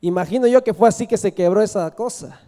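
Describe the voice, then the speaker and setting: A man's voice: sits high, quick pace, dark tone. A man from Peru preaching a sermon, telling a personal story and asking the congregation questions, often adding "¿verdad?".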